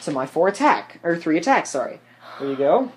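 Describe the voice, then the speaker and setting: A man's voice: fairly high pitch, big pitch swings, brisk, slight background noise. A man hosting a casual board game let's play, explaining each move and the rules step by step and joking about his own bad luck.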